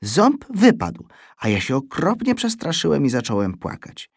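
A man reading a children's story aloud in an expressive storytelling manner. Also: on the high side, normal speed, creaky, dry recording, clean studio sound. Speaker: reader.

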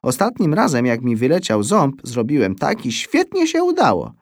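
A man's voice: mid-range voice, wildly swooping pitch, normal speed, no room sound, studio quality, voice pushed up. A man voicing a boastful schoolboy who explains things in a storybook reading. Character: know-it-all schoolboy.

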